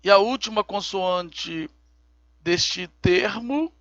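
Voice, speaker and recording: A man teaching a recorded Bible lesson, explaining each term slowly and step by step. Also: sits high, fairly bright tone, no room sound, highs cut off. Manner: slow, deliberate, explains terms step by step.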